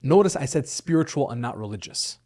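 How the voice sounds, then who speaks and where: A man's voice: mid-range voice, animated, brisk, mellow. Earnest man explaining, asking "right?". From Lebanon and the United States. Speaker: guest, attorney and speaker. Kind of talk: podcast interview.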